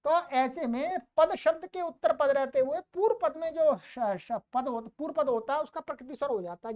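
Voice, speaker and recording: In a classroom lecture, a woman with a high, slightly mellow voice teaches Sanskrit grammar, explaining in Hindi. She slows down to recite the Sanskrit rules and frequently checks in with "ठीक है".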